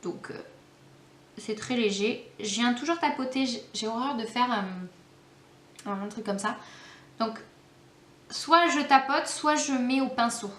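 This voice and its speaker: A woman's voice: fairly high pitch, unhurried, pauses often, a bit bright, slight background noise. A woman giving a casual makeup tutorial, chatty and hesitant, with many fillers. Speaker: beauty vlogger. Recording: echoey room, faint background music.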